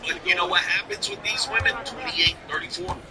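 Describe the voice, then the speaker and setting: Over a very noisy crowd, a livestream host in his forties rants in a blunt, profane, opinionated manner, keeping things casual. He talks fairly quickly in a high voice.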